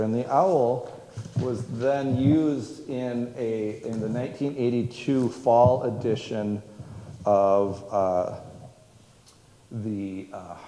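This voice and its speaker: A man's voice: fairly low pitch, dark tone. A man, a museum director, giving a public history talk to an audience, rambling with many fillers and restarts. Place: museum event room. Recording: echoey hall with long reverb.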